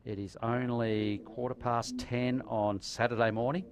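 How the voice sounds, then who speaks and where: A man's voice: medium pitch, flat delivery, unhurried, a crowd in the background. A man commentating live on a surf contest in a laid-back surfer announcer manner with colloquial slang.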